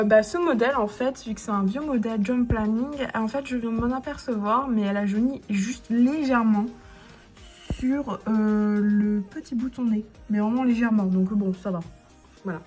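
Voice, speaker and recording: A woman's voice: a little high, moderate pace, soft background music. A young woman with a southern French accent chatting casually as she shows off dolls, gushing with lots of fillers. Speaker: doll collector vlogger. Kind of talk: casual show-and-tell vlog.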